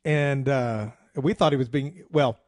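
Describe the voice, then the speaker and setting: A man's voice: medium pitch, unhurried, darkish tone, no room sound, studio quality. A middle-aged man hosting a radio talk show, telling a rambling anecdote with many fillers and restarts. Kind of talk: casual radio talk, storytelling.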